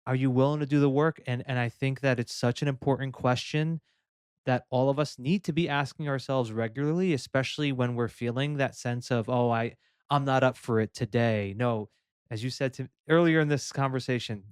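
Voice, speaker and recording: A man's voice: medium pitch, fairly even intonation, clear, resonant tone, dry recording, studio quality. A man hosting a podcast interview, asking long, affirming questions and wrapping up with plugs. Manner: warm, affirming, drawn-out questions. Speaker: podcast host.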